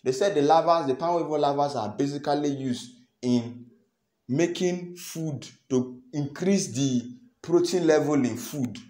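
A man's voice: fairly high pitch, unhurried, warm tone. A young Nigerian man with a Nigerian accent, explaining step by step to camera and often repeating himself. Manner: repeats phrases, earnest and explanatory. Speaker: farming channel host. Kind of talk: instructional vlog talk to camera. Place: small indoor room. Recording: echoey small room.

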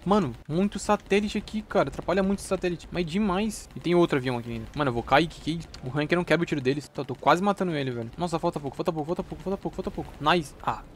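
A Brazilian man giving casual gameplay commentary, excitable and slangy, muttering to himself and repeating exclamations. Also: fairly high pitch, rapid-fire, hardly any pauses, slight background noise. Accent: Brazilian Portuguese. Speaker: gaming youtuber.

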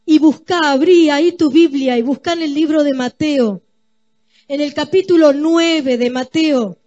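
High-voiced woman pastor, slow and emphatic. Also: warm tone, no echo, lo-fi sound. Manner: emphatic, repetitive preaching that addresses the congregation. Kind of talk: sermon. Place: church.

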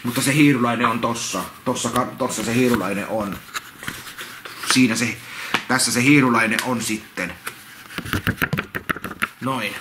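A man reading a children's picture book aloud, rambling into repetitive, halting asides and restarts. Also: medium pitch. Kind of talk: casual read-along with rambling commentary. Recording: roomy echo, faint background noise.

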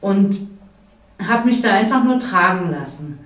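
A woman guest telling a personal story in a soft, dreamy, lyrical way. Her voice sits at a middle pitch, and it comes from a distant mic in a roomy space. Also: lively intonation, a little slow. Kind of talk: reflective personal account. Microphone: far camera.

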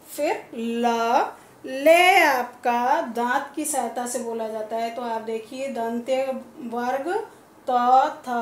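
Woman teacher with a Hindi accent, higher pitch, slow and patient, echoey room. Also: slight background noise. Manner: slow, patient, repeats sounds one by one. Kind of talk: classroom lesson on pronunciation. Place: school classroom.

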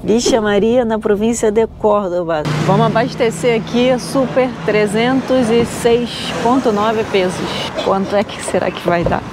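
A woman's voice: on the high side, measured pace, hardly any pauses, music in the background. A woman with a Brazilian Portuguese accent, chatting casually as a travel vlogger on a road trip and teasing her husband. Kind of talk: casual travel vlog narration. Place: on a road trip, in and around a car.

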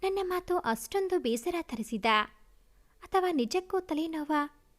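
A woman doing a young husband in a read-aloud story, speaking a touch lower than her own bright voice. He sounds tender and coaxing, teasing his upset wife gently. The delivery stays close to a narrator's own high voice. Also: expressive, unhurried.

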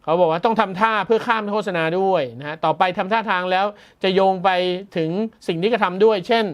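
A man's voice: sits high, fast talker, smooth. Chatty male tech news host. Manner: chatty and amused, laughs often, mock-shouts. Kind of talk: casual tech news commentary.

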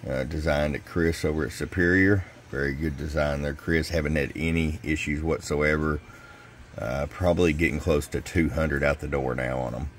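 A man with an extremely deep voice talks through a radio tune-up at his workbench. He is casual and folksy, speaking straight to a customer. A faint hum of the shop sits behind him. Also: steady tone, normal speed. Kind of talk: casual product demonstration.

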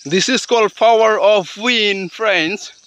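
A man narrating an outdoor exploration vlog in halting, short, repeated phrases. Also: high voice, a bit bright, faint music behind. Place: outdoors on riverbed, hillside and forest.

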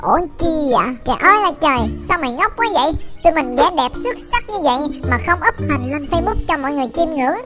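A woman voicing a bratty, boastful young boy artist who is brash, bossy and quick to take offence. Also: high-pitched, lively intonation. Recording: loud music behind.

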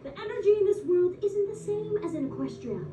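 A woman voicing a haughty, scheming teenage villainess in an animated film, theatrical and disdainful. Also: very high voice, brisk, recorded from a distance. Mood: exasperated. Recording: echoey TV playback filmed from afar.

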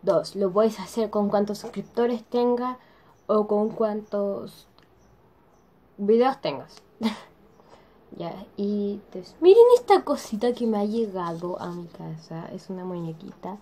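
A woman's voice: mid-range voice, unhurried, dark tone. A young teenage girl chatting casually to camera from her bed in her bedroom, giggling often and filling her talk with "o sea". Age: young teen. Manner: says she is shy. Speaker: youtuber. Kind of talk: casual chat.

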